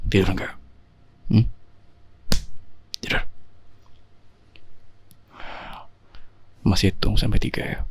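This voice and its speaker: A man in whispered role-play as an affectionate husband, talking softly and teasingly to his sleepy wife on a binaural mic. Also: medium pitch, gravelly, slightly rough. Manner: soft, intimate, teasing. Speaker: ASMR performer.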